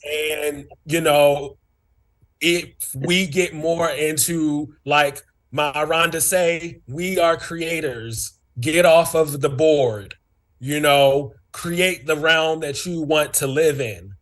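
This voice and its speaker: A man co-hosting a casual livestream talk show, musing in a reflective, drawn-out way with many fillers. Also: fairly high pitch, a bit bright.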